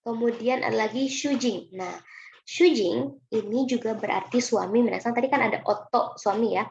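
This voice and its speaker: A woman's voice: on the high side, moderate pace, vocal fry, a little mellow. A woman with an Indonesian accent teaching Japanese kanji in a recorded online lesson, patient and chatty, often calling her students "minasan". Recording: roomy, dull lo-fi recording with faint noise.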